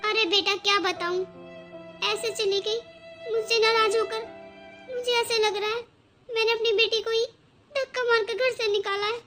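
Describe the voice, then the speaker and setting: A woman's voice: very high voice, steady tone, moderate pace, pauses often, sharp tone, faint music behind. A woman voicing an older mother in a cartoon who scolds her grown daughter and frets over family duty. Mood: fretful. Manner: scolding then fretting.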